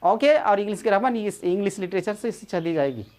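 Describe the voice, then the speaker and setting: A woman with an Indian accent teaches pronunciation in a casual online lesson, repeating words slowly and stretching them out. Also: mid-range voice, expressive, darkish tone. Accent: Indian English. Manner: drawn-out repeated words, slow modeling of sounds.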